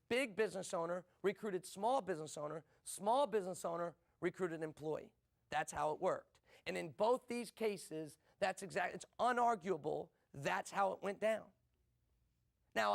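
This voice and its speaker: Man, motivational seminar speaker, high voice, gravelly texture, rhetorical questions, punchy repetition. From USA. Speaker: business speaker.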